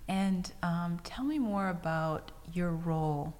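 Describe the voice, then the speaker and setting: A woman hosts a podcast interview, asking her guest questions and answering with encouraging affirmations. Her voice sits on the low side. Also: takes it slowly, a little mellow, long reverb tail. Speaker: podcast host. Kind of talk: scripted intro and interview questions.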